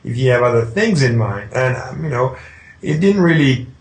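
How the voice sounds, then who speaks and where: A man's voice: medium pitch, moderate pace. A middle-aged man from Switzerland, a painter being interviewed, telling his story with hesitations and restarts. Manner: hesitant, with restarts, recounting calmly. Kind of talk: conversational interview. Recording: echoey room.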